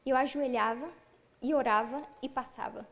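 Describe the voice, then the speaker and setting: High, gravelly woman telling her testimony. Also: normal speed. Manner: lively storytelling, acting out remembered dialogue. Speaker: church member giving a testimony. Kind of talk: personal testimony told to a church audience.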